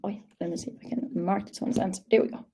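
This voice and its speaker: Over a webcam video call, a young woman from Sweden runs a live training webinar in English, her second language, with a Swedish accent. Her mid-range voice is fast, gravelly and flat in delivery, with background noise present. Still, her manner is friendly and upbeat as she reads audience answers aloud.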